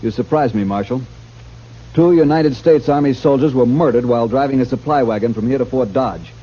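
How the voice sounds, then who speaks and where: A man's voice: mid-range voice, brisk, dark tone, breathy edge, lightly acted. A man playing a stiff-necked army major in an old radio drama, speaking curtly and haughtily. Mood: stern. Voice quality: curt, haughty. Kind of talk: 1950s radio drama acting. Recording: muffled old radio broadcast.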